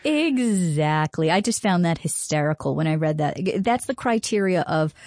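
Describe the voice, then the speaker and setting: A woman's voice: sits low, a little fast, darkish tone, no echo, studio quality. A woman from Massachusetts co-hosting a casual talk about law and policy, teasing her partner and laughing often between ums. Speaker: podcast co-host. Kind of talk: casual legal and policy discussion.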